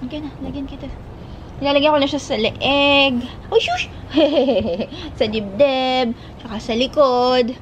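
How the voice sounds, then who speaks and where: A woman's voice: high-pitched, steady tone, a little slow, highs cut off, a little hiss or hum. A young Filipino woman vlogging at home as a mother, chatting to camera in a casual way and talking to her toddler in a sing-song voice. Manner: chatty, mixes English into Filipino, sing-song baby talk to her child.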